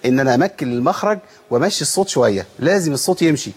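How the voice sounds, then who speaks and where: A man with an Egyptian accent leads a tajweed lesson at a fast clip. His voice sits a little high. He breaks off into slow, drawn-out demonstrations of each sound. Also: expressive, husky. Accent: Egyptian Arabic. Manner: explains briskly, then draws out sounds slowly to demonstrate them. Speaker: Quran recitation teacher.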